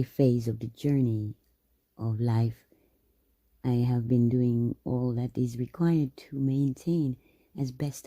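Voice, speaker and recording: Woman for a grandiose monologue: very low, dark, husky, slow, half-whispered at times. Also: dry recording. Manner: grandiose, drifting into whispers and rants. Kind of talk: rambling spoken monologue.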